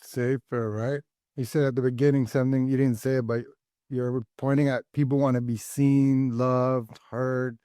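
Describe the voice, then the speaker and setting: A man's voice: mid-range voice, little pitch movement, normal speed, warm tone, no room sound, clean studio sound. A man hosting a podcast, chatty and affirming, with a few digressions. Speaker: podcast host. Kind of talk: casual podcast conversation.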